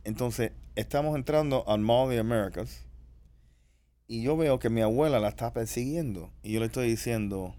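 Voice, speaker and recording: A man, telling family stories in a casual chat and jumping into high voices to act out the people in them. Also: moderate pace. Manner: animated, acts out voices with sudden high pitch.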